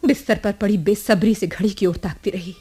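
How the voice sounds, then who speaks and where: A woman's voice: mid-range voice, steady tone, a little fast, a little mellow, breathy edge. An actress playing a proud, defiant young woman in a radio drama, telling her story with earnest emotion. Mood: earnest recounting. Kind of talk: 1980s radio drama acting.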